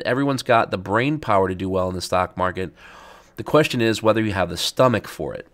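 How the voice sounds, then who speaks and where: A middle-aged man hosting a finance podcast, speaking casually with many ums, his voice raspy and a little stuffed up after illness. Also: lowish voice. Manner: chatty, many ums and uhs. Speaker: podcast host, financial advisor. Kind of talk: casual educational podcast talk.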